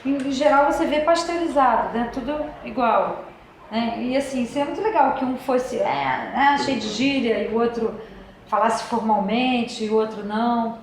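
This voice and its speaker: A woman's voice: a little high, normal speed. A voice actress in an interview, chatting and adding her own examples to the conversation. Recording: very echoey room with faint noise.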